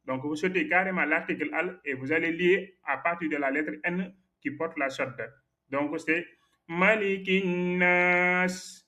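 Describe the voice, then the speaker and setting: A man's voice: on the high side, moderate pace, bright, forceful tone, lo-fi sound. A man teaching a Quran recitation lesson, patiently correcting a student's errors and repeating the right forms, with frequent hesitations.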